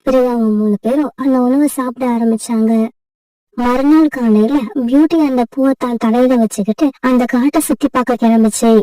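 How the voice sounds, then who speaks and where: A woman tells a children's cartoon story in a steady, high, mellow voice. The sound is dry and set back from the mic. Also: normal speed, no room sound, far from the mic, rough recording. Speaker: narrator. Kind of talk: storybook narration.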